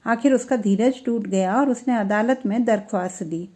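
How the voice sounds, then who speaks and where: A woman narrating a classic story in Hindi, reading it out in a steady, measured storytelling manner with soft drops at the end of her sentences. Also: on the high side.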